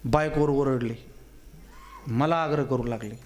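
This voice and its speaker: A man preaching a kirtan sermon, telling humorous stories and questioning the crowd, swinging between loud exclamations and quiet asides. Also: mid-range voice, a little slow. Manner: teasing, asks the audience questions.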